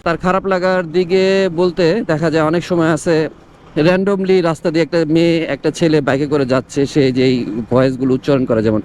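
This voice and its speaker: A man's voice: on the high side, fairly even intonation, moderate pace, a little mellow. A man with a Bangladeshi accent giving casual opinion commentary to his viewers as a motovlogger, mixing English words into his talk, speaking from inside a helmet. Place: outdoors on the road, talking from inside a helmet. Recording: outdoor traffic and vehicle noise.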